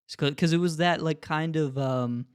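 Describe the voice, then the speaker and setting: A young man chatting casually on his podcast, his voice sitting a touch high for a man. He keeps breaking into giggles partway through his sentences and has to start over. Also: normal speed, clean tone, no echo, clean studio sound. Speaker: podcast co-host. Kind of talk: casual chat.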